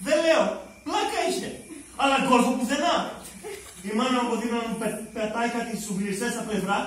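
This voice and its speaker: A man on a stage pours out a bitter, sarcastic monologue in a very high voice, swinging between loud rants and low mutters. He is captured from far off in a strongly echoing room, with audible background noise. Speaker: stage actor performing a monologue. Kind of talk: live theatre monologue. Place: drama school stage. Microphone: far room mic. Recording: very echoey distant stage recording with noise. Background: audience laughter.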